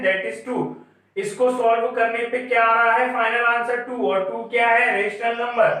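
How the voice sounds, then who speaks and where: A man's voice: sits high, fairly bright tone. A male math teacher giving a classroom lecture, asking questions and answering them himself. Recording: echoey room, far from mic.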